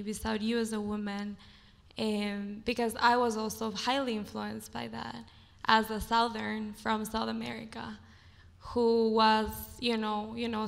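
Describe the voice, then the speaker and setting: Woman in the audience asking a long question, high-ish flat voice, some fry, big hall echo. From Ecuador. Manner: earnest, hesitant, many "you know" and "like". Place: large auditorium audience. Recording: hall reverb in a large auditorium.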